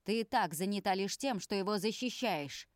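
A woman voicing a furious, tearful young male vampire who shouts and pleads, in an audiobook. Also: medium pitch, lively intonation, normal speed, dry recording, studio quality, natural voice. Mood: angry pleading.

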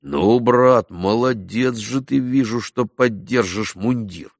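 A man voicing a cheerful young army lieutenant in an audiobook, brisk and hearty. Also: mid-range voice, no echo, clean studio sound.

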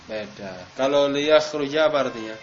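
A man's voice: mid-range voice, moderate pace. A man teaching Arabic grammar to a class, quizzing students by name and stressing drill words. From Indonesia. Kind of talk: classroom lesson. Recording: dull noisy classroom recording.

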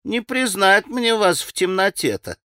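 A man voicing a flustered, chattering old servant woman in a high, shrill falsetto for an audiobook. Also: sing-song, unhurried, sharp tone, smooth, no room sound, clean studio sound, heavily acted. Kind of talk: audiobook character voice.

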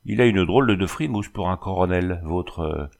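A man's voice: deep voice, moderate pace, gravelly, a little mellow. A man reading a boastful, fussy French army dragoon in an audiobook, raising his voice for the role. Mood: brash. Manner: fussy, keeps repeating a title.

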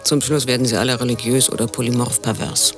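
An actress playing a brazen, mocking opera diva who appears as a dream apparition in a German radio play, coarse, sardonic and theatrical. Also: female voice, rumbling low, level tone, fast, music in the background. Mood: sardonic, teasing.

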